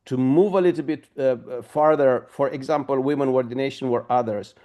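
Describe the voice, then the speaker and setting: A middle-aged pastor with a Romanian accent, his male voice medium-pitched and warm, asks a long question at a discussion. He halts frequently, with lots of pauses and fillers.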